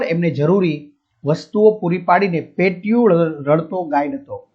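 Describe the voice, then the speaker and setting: A male teacher explaining a textbook chapter, glossing each word with a simpler one and asking and answering his own questions. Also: a little high. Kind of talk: explaining a school textbook lesson. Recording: dull lo-fi audio.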